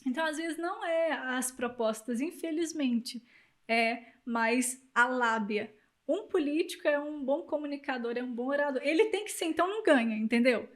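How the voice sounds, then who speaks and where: A woman's voice: sits high, lively intonation, moderate pace. A woman with a Brazilian accent, a communication specialist giving emphatic, coaching advice in an interview. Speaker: guest, communication specialist and public speaker.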